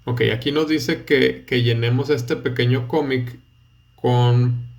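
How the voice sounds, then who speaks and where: Male tutor, Mexican Spanish accent, unhurried, middle pitch, explains step by step. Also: steady tone. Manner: slow, patient explaining with fillers. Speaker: teacher. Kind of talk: study-guide lesson.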